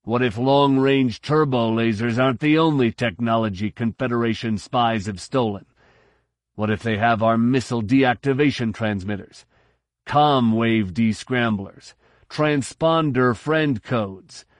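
A man's voice: mid-range voice, measured pace, no echo, lightly acted. A man voicing a resigned but defiant male fleet admiral who argues boldly with a raised voice. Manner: bold, pressing, raised in argument.

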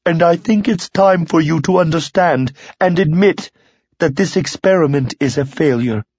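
A gentle young woman who pleads softly with her leader, as a man voices her in a raised, light voice. The recording is dry and a little dull. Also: a little high, normal speed, husky, no room sound, voice pushed up. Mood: pleading. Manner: soft, pleading.

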